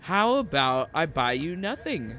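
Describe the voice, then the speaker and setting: A man's voice: on the high side, very animated, unhurried, sharp tone, slight background noise. A man hosting a gaming channel, giving sarcastic, mocking let's-play commentary and laughing between lines.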